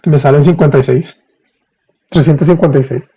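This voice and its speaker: A man teaching French in on a live stream, reading viewers' comments and saying French examples slowly. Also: fairly high pitch, fairly even intonation, mellow, husky. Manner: reads viewers' chat, thanks them for gifts, spells French slowly. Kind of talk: live-streamed language lesson.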